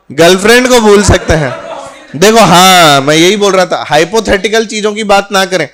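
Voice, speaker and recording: A physics teacher talking warmly and jokingly to his students at the end of a course in a classroom, mixing in English phrases. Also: sits high. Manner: chatty and teasing, mixing Hindi with English phrases. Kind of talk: farewell talk to a class.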